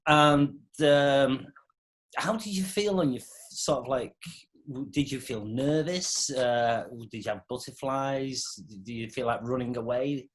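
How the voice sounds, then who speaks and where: A man interviews a guest over a video call in a mid-pitched voice. His questions come out halting and full of restarts, though he keeps an encouraging tone. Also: low-quality recording. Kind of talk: casual interview.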